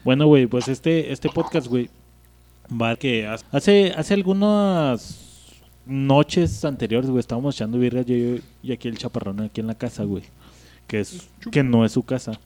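A Mexican man with a middle-pitched, mellow voice hosts a casual podcast. He rambles in thick everyday slang, joking as he goes. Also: normal speed. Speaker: podcast host. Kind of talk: casual comic podcast chat.

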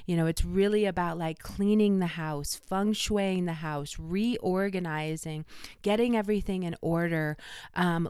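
A woman's voice: lowish voice, a little mellow, clear, resonant tone, no echo, studio quality. A woman with a slight cold, chatting casually and enthusiastically to viewers as an astrologer. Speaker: astrologer giving a forecast.

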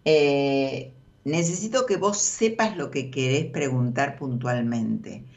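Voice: mid-range voice, slow. Argentine fortune teller with a muffled sound. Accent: Argentine Spanish. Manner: fortune teller reading cards for a caller. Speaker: radio tarot reader and host. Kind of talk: conversational tarot consultation.

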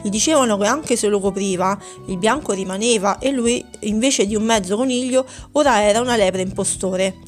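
A woman narrating a children's story in a steady, gentle storytelling manner. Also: mid-range voice, fairly quick, few pauses, soft background music.

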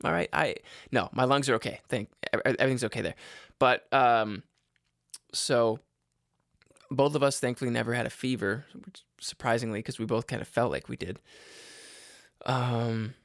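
A man hosting his own podcast, tired and unwell, talking in a low-energy, rambling way with lots of fillers and restarts. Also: normal speed, long pauses, a bit bright, no room sound, studio quality. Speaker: podcast host. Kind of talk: casual solo podcast update.

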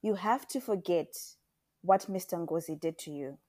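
A woman's voice: on the low side, normal speed, a little mellow, natural voice. A woman reading the part of an anxious, stern mother who pushes her teenage daughter, in an urgent, pleading voice. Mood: hushed, coaxing.

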